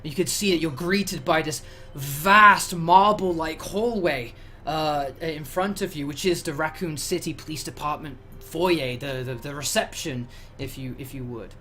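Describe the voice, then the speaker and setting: A man's voice: on the high side, measured pace, pushed and bright, soft background music. A man narrating a tabletop game as game master, rambling through his descriptions.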